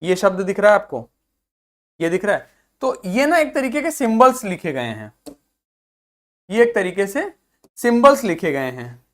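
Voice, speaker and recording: A man teaching a video lesson, who repeats himself, checks in with the viewer often and sounds words out slowly. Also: sits high, sing-song. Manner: repetitive, keeps checking in with the viewer. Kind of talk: classroom-style video lesson.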